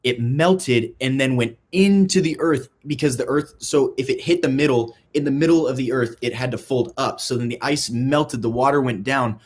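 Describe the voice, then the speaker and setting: Young guy, youth group speaker, deadpan joking conspiracy bit, talks to a live room. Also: medium pitch, normal speed, few pauses, husky. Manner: playful deadpan, mock-serious, rambling with restarts.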